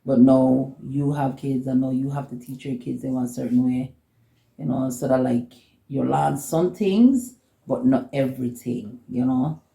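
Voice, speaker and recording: A woman in her forties with a Belizean Kriol accent, chatting casually and haltingly, often repeating herself. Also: rumbling low, steady tone, vocal fry, mellow. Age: 40s. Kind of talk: casual sisterly chat. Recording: echoey room.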